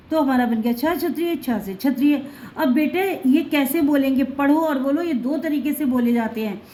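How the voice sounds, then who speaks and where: A woman's voice: sits high, dark tone. A woman teaching Hindi letters to children, patiently repeating each sound and mixing in words.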